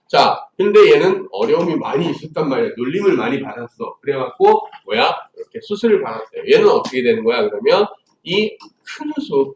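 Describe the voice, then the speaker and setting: A man teaching math to children, telling playful stories and asking lots of questions. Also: fairly high pitch. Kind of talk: classroom lesson for children. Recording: echoey room, distant mic, faint noise.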